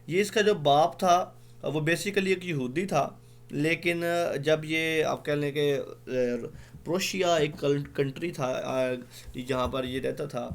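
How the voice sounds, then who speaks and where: A man teaching an exam-prep lecture in an online class, explaining slowly with many fillers and spelling out words letter by letter. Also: on the high side, steady tone.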